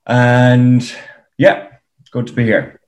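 A man's voice: medium pitch, little pitch movement, slow. A man with an Irish accent talking casually as a guest in an interview. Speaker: podcast guest, para rower. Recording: roomy, echoing sound.

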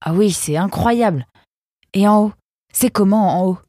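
A woman voicing an excitable young male fox, eager and exclaiming, with hesitant fillers now and then. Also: fairly low pitch, a little slow, husky, dry recording, studio quality, voice pushed up.

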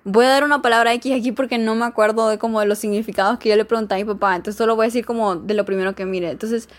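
Young woman, kinda high voice, giggly chatty vlogger reading jokes. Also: fairly even intonation, racing. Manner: giggly, chatty, filler-heavy, mock-exasperated. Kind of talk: casual chat reading jokes aloud.

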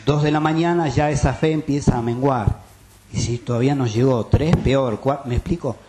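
A man's voice: medium pitch, normal speed, warm tone, slight background noise. A man preaching a sermon, emphatic and quizzing his listeners with rhetorical questions.

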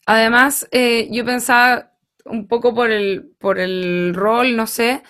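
A woman, a guest on a podcast, talking casually and often pausing to search for words. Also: fairly high pitch, steady tone, a bit bright. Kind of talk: casual chat.

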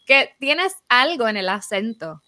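A woman's voice: fairly high pitch, very animated, measured pace, bright, forceful tone, no echo. A woman hosts a casual interview. She is chatty and laughs often, and she mimics other people's voices as she talks. Her voice sounds dry and close to the mic.

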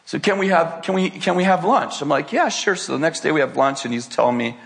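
A man's voice: fairly high pitch, animated, quick pace, vocal fry, fairly bright tone. An older man preaching, telling a story with laughter and acted-out quotes. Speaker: pastor. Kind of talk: sermon storytelling.

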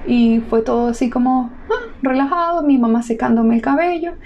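A woman, relaxed and chatty, telling her own birth story to the camera. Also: a little high, fairly quick, dull audio, a little hiss or hum. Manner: lively, relaxed, chatty with laughter.

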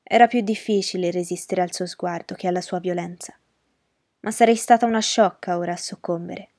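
A woman narrating in the first person as the heroine of a radio drama, measured and emotional. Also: fairly low pitch, fairly even intonation, darkish tone, dry recording, studio quality.

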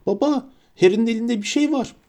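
A man's voice: extremely high pitch, fairly quick, warm tone, voice pushed up. Dudley: a man doing a spoiled, whiny boy. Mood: demanding. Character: spoiled bossy young boy.

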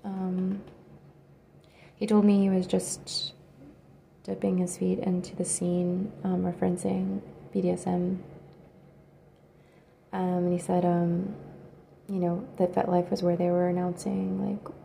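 A woman quietly telling a personal story in a hesitant, halting way, pausing often. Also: lowish voice, monotone, gravelly, slight background noise. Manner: hesitant and halting, with many pauses and fillers; quiet, subdued recounting. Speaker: video creator.

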